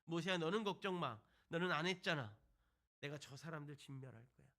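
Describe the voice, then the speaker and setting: A man voicing God in a sermon retelling, speaking low and hushed as a stern male deity. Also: animated, fairly quick.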